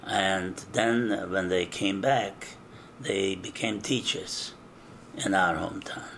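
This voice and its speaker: An older man from eastern Czechoslovakia giving an oral history interview, recalling things in a slow, measured way with frequent hesitations. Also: sits low, creaky, fairly bright tone, a little hiss or hum.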